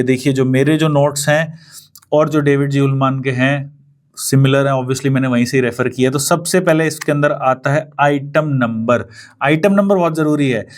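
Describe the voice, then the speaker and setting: Young trainer from India, slightly high voice, casual and example-driven, switching between Hindi and English. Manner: mixes Hindi and English, explains with everyday examples. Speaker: CAD trainer. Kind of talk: casual classroom explanation.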